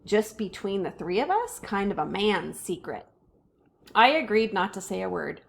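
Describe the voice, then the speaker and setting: A woman reading a children's chapter book aloud with expressive character voices. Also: medium pitch, creaky. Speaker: reader.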